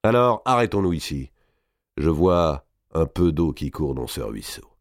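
A man's voice: a bass voice, sing-song, a little slow, no room sound, studio quality, heavily acted. A man voicing a cruel medieval knight who taunts in a mocking, gleeful tone.

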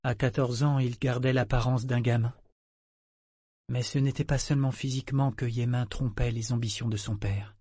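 Husky male audiobook narrator. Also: mid-range voice, steady tone, moderate pace, darkish tone, dry recording, clean studio sound. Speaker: audiobook reader. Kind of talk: storybook narration.

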